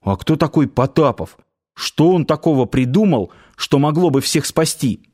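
A man's voice: a little high, lively intonation, moderate pace, darkish tone. A man voicing a timid, curious young man who speaks hesitantly and plaintively.

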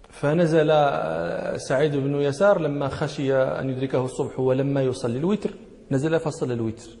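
A sheikh with a fairly high, creaky, mellow voice teaches hadith in a classroom, explaining the text, repeating key phrases and making sure listeners keep up. The room has a long, hall-like reverb.

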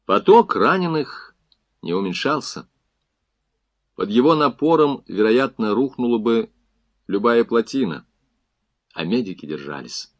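Expressive male audiobook narrator. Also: mid-range voice, no echo, dull audio. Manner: expressive, measured storytelling.

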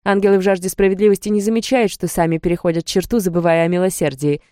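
A scornful archangel commander who talks down to everyone in a mocking tone, as a woman reading an audiobook gives her voice. The voice sits low and warm, and the sound is dry and close. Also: steady tone, quick pace, dry recording, close to an everyday voice. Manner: mocking, condescending.

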